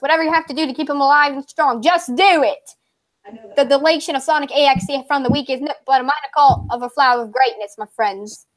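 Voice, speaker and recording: A woman voicing a furious, pompous internet story author, in a put-on Southern accent and a grandiose, drawn-out rant. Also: high-pitched, natural voice. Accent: put-on American Southern. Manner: ranting, grandiose, slow and drawn out. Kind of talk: dramatic reading of a forum post.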